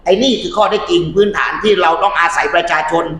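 A man speaking as a civic activist, forceful and rhetorical. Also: sits high, fairly even intonation, fast talker, echoey room, a little hiss or hum. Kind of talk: impassioned civic talk.

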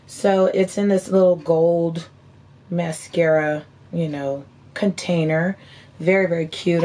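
Hoarse woman vlogger, noisy background. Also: on the low side, darkish tone. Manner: chatty, informal, folksy. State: hoarse, voice partly lost from screaming. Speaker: beauty vlogger. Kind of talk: casual chat unboxing haul. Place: indoor room at home.

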